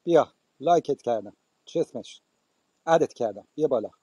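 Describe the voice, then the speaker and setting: A man angrily berating others in an online voice room, with slow, emphatic, insulting delivery. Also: medium pitch, lively intonation, dark tone, husky, no room sound, lo-fi sound. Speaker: guest speaker in online voice room. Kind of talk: angry heated argument.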